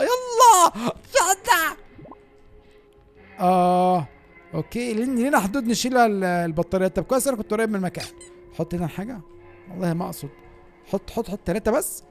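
A man with an Egyptian Arabic accent giving excitable, chatty gameplay commentary and talking straight to his viewers. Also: high voice, racing, creaky, soft background music. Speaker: gaming YouTuber.

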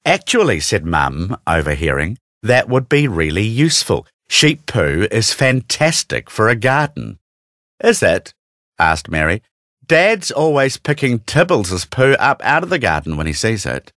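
A man with a New Zealand accent reads a children's storybook aloud, his lively voice rising and dipping through the characters. He sits a little low in pitch. The sound is dry and close, with no room around it. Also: unhurried, no room sound. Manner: animated, doing character voices. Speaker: narrator. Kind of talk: storybook narration.

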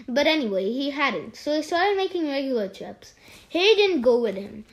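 A woman reading a children's story aloud in a high, lively voice. She stumbles and restarts words now and then as she goes. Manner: halting, with frequent restarts.

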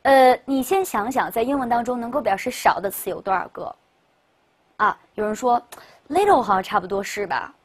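A woman giving a classroom grammar lecture as a teacher, lively and full of questions to the class. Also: a little high, normal speed. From China. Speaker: English teacher.

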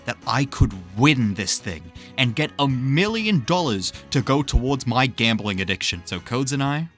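A man's voice: medium pitch, lively intonation, normal speed, faint music behind. A young man narrating a comedy gaming story in a dry, sarcastic tone, as the host of his own video. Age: young adult.

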